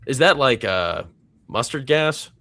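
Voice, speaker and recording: A man's voice: mid-range voice, expressive, slow pace, pushed and bright, no room sound. A man hosting a casual live movie reaction stream. He reads viewer comments aloud and rambles with plenty of fillers. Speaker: host of a movie reaction panel.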